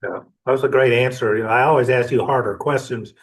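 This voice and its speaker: A man with a medium-pitched voice speaks as a panel member. His questioning is casual and conversational. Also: fairly even intonation, fast, poor audio.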